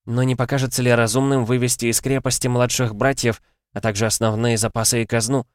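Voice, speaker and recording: A man voicing an anxious female high sorceress, deferential and pleading. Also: flat delivery, fairly quick, dry recording, studio quality, lightly acted.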